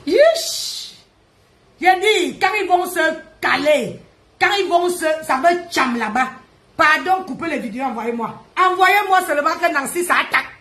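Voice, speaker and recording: A woman, ranting and mocking on a live stream, loud, laughing and teasing. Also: high-pitched, animated, normal speed. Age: 50s. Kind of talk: Facebook live rant. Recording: echoey room.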